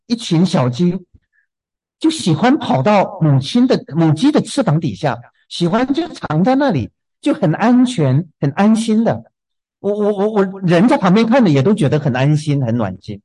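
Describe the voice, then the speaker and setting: A man preaching a sermon in a gentle, unhurried way, often repeating a word as he starts a thought. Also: fairly high pitch, breathy edge, rough recording. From southern China.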